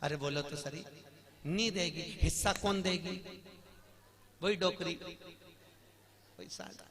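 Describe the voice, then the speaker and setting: A man from Madhya Pradesh, preaching a devotional sermon through a stage microphone, swinging between loud exclamations and hushed asides. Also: fairly high pitch, takes it slowly. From Madhya Pradesh, India. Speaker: religious storyteller, kathavachak. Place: live religious discourse before a crowd. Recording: devotional music playing behind.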